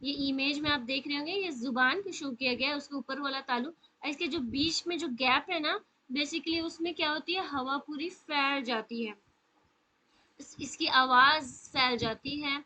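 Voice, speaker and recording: A woman teaching a live online recitation class, patiently explaining and slowly sounding out letters as examples. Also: sits high, sharp tone, poor audio. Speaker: tajweed teacher.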